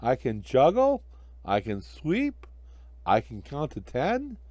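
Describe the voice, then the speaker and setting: Man playing childlike snowman, jolly, wonderstruck, slow exclamations, swooping pitch, storybook character. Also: huge pitch swings, darkish tone, dry recording. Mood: amazed, joyful. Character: jolly, childlike, amazed snowman come to life.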